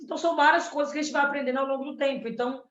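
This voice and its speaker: A candidate for state legislature, a woman in her 30s from Pernambuco, Brazil, answers in a panel debate with earnest activist conviction and frequent "né?" tags. Her fairly high, fairly bright voice stays steady and very fast. The sound is roomy, dull and lo-fi, like a video call.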